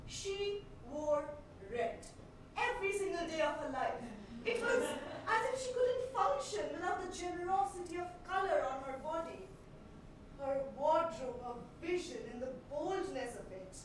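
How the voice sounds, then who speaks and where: A solo stage actress performs a theatrical monologue as a haunted, unhinged woman recalling her mother's death, speaking deliberately with dramatic pauses in a wistful mood. Her voice is very high and animated, recorded in an indoor theatre with a distant mic, lots of echo and noise.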